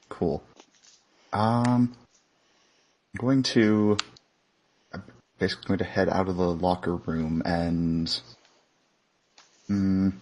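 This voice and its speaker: A man playing a tabletop role-playing game, talking in a laid-back, matter-of-fact way. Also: low-pitched. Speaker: player. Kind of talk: casual tabletop play.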